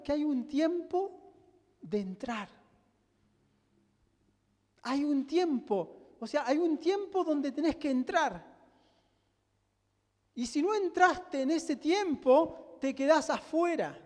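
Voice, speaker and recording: High-voiced Rioplatense pastor, slow sermon. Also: male voice, big pitch swings, darkish tone. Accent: Rioplatense Spanish. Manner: emphatic, asks the congregation rhetorical questions. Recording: long hall reverb.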